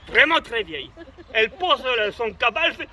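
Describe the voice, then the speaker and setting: A man telling a comic story on stage in an animated, theatrical way, breaking into loud exclamations. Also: very high-pitched, brisk, very noisy.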